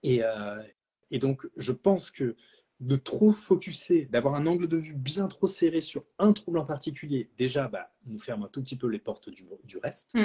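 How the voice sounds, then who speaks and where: With lively intonation and a dark, breathy mid-range voice at normal speed, a man fields live questions as a naturopath and trainer. He doesn't mince words, yet stumbles into hesitations often.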